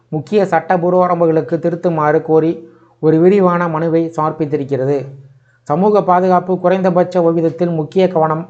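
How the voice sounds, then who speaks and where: A man reading a news narration in an even, steady manner as the channel's host. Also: on the high side, dull audio.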